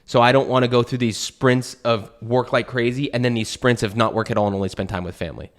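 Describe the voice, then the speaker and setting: In Portugal, an American podcast host who has just become a real estate agent leads a casual conversation. He's young, with a mid-range voice and steady tone, and he talks fast, earnestly thinking aloud and using many fillers.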